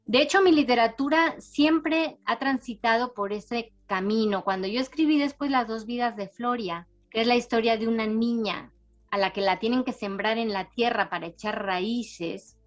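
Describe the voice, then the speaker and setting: A middle-aged woman whose accent blends Spain and Latin America, answering an interviewer in a thoughtful, storytelling way. Her voice sits a little high for a woman. The audio is slightly dull and lo-fi. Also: normal speed. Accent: mixed Latin American and Spanish. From Spain, raised in Panama. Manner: warm storytelling, thoughtful, frequent tag questions. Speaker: writer, interview guest.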